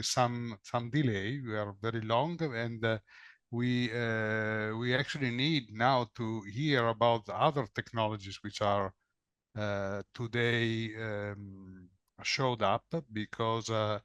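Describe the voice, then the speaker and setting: A man's voice: medium pitch, a bit bright, dry recording. A man moderating a webinar, thanking speakers and introducing the next one, often repeating words and restarting sentences. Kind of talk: moderating a video call. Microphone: video call.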